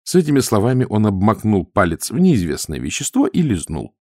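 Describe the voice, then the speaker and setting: A man reading an audiobook aloud in a lively, theatrical way. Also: fairly low pitch, fairly quick, no room sound, clean studio sound. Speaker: audiobook narrator.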